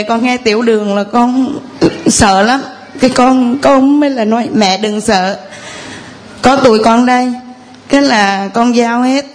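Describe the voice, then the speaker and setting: A woman, telling a long, rambling, earnest story of faith to a priest in church. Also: a little high. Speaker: parishioner giving testimony. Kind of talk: tearful church testimony.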